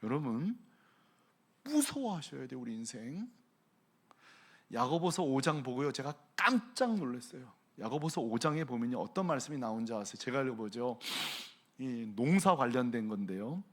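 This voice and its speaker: Male pastor, preaching; animated delivery, lively pitch, asks the congregation questions. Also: moderate pace. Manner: animated preaching, swings from hushed to loud exclaiming. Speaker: senior pastor. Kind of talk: sermon.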